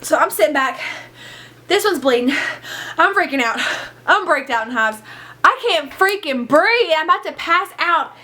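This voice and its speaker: A young woman telling a candid storytime in a casual vlog, chatty and animated, swearing freely. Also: high-pitched, moderate pace, pauses often. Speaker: vlogger.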